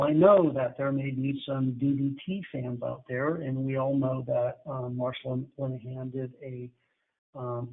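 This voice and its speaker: This addiction-treatment webinar is led by a middle-aged man, a therapist whose husky voice sits at medium pitch. His delivery is candid and conversational, and he acts out exchanges with clients; the sound is thin and phone-like.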